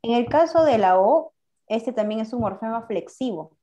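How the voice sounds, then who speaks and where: A woman teacher with a mellow, warm voice leads a language class. She quizzes her students and praises them when they answer. The recording is dull and lo-fi. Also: a little high, lively intonation, normal speed. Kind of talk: online class lesson.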